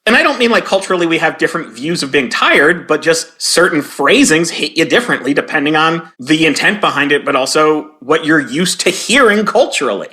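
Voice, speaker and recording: A man's voice: a little high, animated, fairly quick, hardly any pauses, pushed and bright. A man in his forties being interviewed, telling stories and acting out quoted lines in a raised voice. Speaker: guest, game localizer and comedy writer. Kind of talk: conversational interview storytelling.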